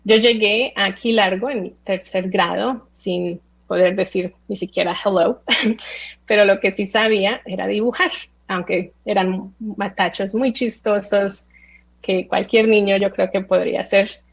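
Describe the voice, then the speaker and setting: A Colombian-born woman of about forty, raised in the United States, giving a relaxed, chatty talk with many filler sounds. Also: medium pitch, unhurried, vocal fry, poor audio. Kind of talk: online talk.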